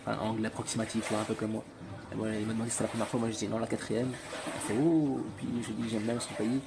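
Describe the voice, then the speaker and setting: Slangy young French-speaking vlogger. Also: male voice, lowish voice, flat delivery, fast talker, gravelly, noisy background. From Portugal. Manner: slangy, joking, addresses viewers as "les gars". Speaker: travel vlogger. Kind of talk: casual vlog chat to camera.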